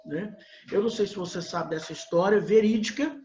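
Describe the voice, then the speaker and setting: A Brazilian man from Minas Gerais leads a church couples class with a fairly high voice. He talks loosely, dropping in tags and restarting sentences. The sound is roomy and muffled, with faint background noise. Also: a little fast, a little mellow. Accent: Brazilian Portuguese, Minas Gerais. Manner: conversational, with many filler tags and restarts. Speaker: pastor.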